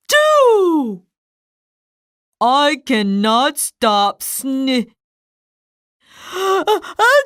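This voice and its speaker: A woman voicing an anxious, melodramatic male elephant with a cold, sneezing and halting as she reads a storybook aloud. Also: high voice, no echo, clean studio sound, heavily acted. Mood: sneezy worried. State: sneezing, stuffy.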